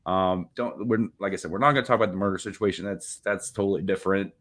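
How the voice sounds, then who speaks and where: A man's voice: deep voice, fast talker. A man, a defense attorney, chatting casually on a podcast and acting out what people said in his stories. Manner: animated storyteller, acts out quotes.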